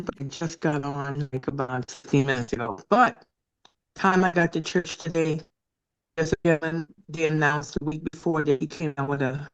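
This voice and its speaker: A woman calling into an online church meeting over a video call. Her connection is bad and her voice breaks up, and she talks hesitantly and restarts her sentences. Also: low-pitched. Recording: dull lo-fi video call audio.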